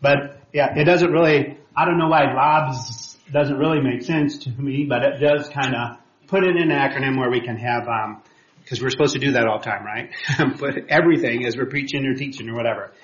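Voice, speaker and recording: Man teaching a church class, roomy. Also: mid-range voice. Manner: conversational, many fillers, self-correcting with quick apologies. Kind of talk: teaching a class on sharing faith. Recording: roomy, dull lo-fi room recording.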